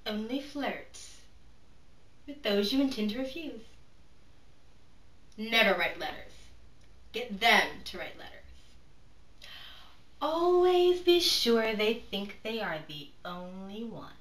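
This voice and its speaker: An actress performs a proud, calculating noblewoman in a dramatic monologue. Her voice is bright and forceful, and she weighs each phrase with pauses and sudden hushed drops. The recording is echoey and set back from the microphone. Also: on the high side, big pitch swings, full character voice. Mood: cool, calculating. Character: proud, calculating aristocratic woman, cunning and defiant. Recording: roomy echo, distant microphone.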